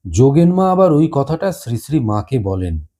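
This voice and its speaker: Male narrator, warm mellow tone, earnest devotional storytelling. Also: medium pitch, big pitch swings, normal speed.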